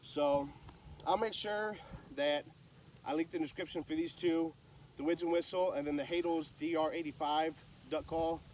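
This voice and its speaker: A man's voice: a little high, steady tone, normal speed, a little mellow, far from the mic, slight background noise, rough recording. A man giving casual, folksy, plain-spoken instruction as a hunter sharing calling tips.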